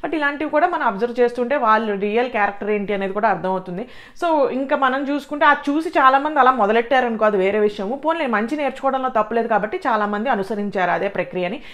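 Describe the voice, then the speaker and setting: Woman ranting thru a reality show review, high voice, blunt and scoffing. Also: quick pace. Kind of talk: casual spoken review commentary.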